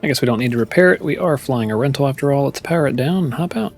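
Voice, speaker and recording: A man's voice: medium pitch, lively intonation, rapid-fire, over music. A man chatting casually to his viewers while playing a game live, musing aloud as he goes. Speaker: streamer. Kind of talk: casual gameplay commentary.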